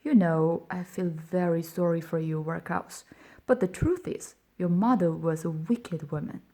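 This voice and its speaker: A woman reading an audiobook, voicing a bullying older boy who taunts and then cries out in high, shrill panic. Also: measured pace, mellow. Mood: taunting.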